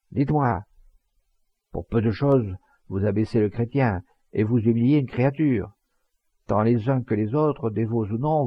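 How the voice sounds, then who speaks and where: A man reading an audiobook voices an indignant, rough countryman scolding a crowd loudly, in a gravelly, husky voice. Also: mid-range voice, no room sound, lo-fi sound. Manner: scolding, loud, declamatory. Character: indignant rough Provençal countryman, middle-aged.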